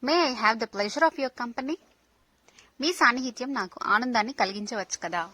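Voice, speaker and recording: A woman teaching polite English phrases, reading each one slowly and then giving the translation quickly. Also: a little high, lively intonation, bright, forceful tone, low-quality recording. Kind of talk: slow phrase-by-phrase language lesson.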